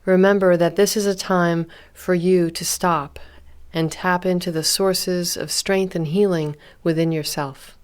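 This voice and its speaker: With a clear, resonant, fairly low voice, a woman guides a body scan meditation. She speaks slowly, gently, and calmly, leaving long silences.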